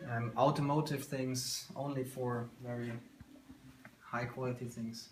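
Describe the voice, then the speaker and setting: Level in tone, medium in pitch and measured in pace, the founder of the company, a thirties-aged man with a German accent, explains his work informally while touring his workshop, frequently searching for words. Handheld video from a couple of metres away in the small indoor room sounds roomy, with background noise and clicks.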